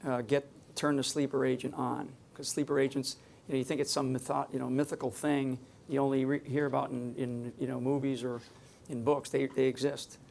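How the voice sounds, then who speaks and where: A public speaker on security addresses a live audience from a stage, talking off the cuff in an emphatic, rambling way and often restarting sentences. His mid-range voice is darkish with vocal fry, fairly quick, and shows little pitch movement. There's slight background noise.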